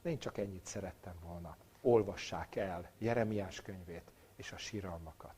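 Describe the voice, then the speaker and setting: A man giving a Bible lecture with a personal story, dramatic, swinging from loud emphasis to near-whispered recitation. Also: sits low, husky.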